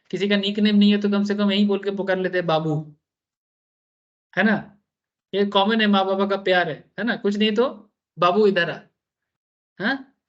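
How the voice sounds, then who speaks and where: Chatty male teacher, muffled. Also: high voice. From Bengal, India. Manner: chatty, digressive, often checks in with students. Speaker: tax teacher. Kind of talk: casual classroom lecture.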